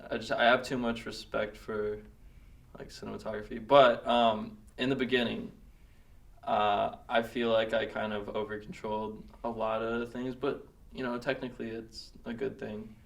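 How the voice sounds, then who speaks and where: A man with a low, gravelly voice, chatting as a guest on a studio podcast. He talks in a loose, hesitant way, full of ums and likes. He sits a little back from the mic. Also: normal speed, recorded from a distance. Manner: relaxed, hesitant with many fillers, laughs often. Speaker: guest, cinematographer and director. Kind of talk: casual podcast chat.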